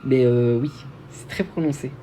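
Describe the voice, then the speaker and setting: A man's voice: mid-range voice, moderate pace, dark tone, a little hiss or hum. Chatty young Belgian man on a livestream. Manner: chatty, self-mocking, frequent restarts. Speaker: livestream host. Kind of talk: casual livestream chat answering viewer questions.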